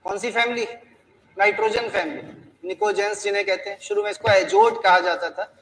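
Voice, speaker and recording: A man's voice: high-pitched, fairly even intonation, normal speed, a bit bright, long reverb tail, rough recording. A man teaching a chemistry class, playful and full of questions for his students. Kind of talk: classroom lecture.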